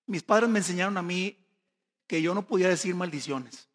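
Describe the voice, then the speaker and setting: A pastor preaches a sermon in folksy style, telling personal stories, reading scripture, addressing the congregation as brothers and posing rhetorical questions. His voice sits high at a normal pace, with a long reverb tail.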